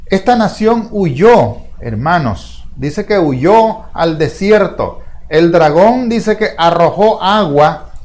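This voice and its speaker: A middle-aged male pastor giving a sermon, speaking deliberately, repeating phrases and asking the congregation rhetorical questions. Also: sits high, expressive, a little mellow.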